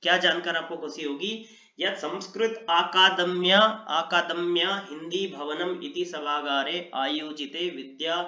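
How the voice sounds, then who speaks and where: A man teaches with lively energy and slips English words into his explanations. His voice is bright and forceful and sits a little high. The recording is dull and lo-fi, with an echoey room around him. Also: a little slow, few pauses. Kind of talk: online Sanskrit lesson in Hindi.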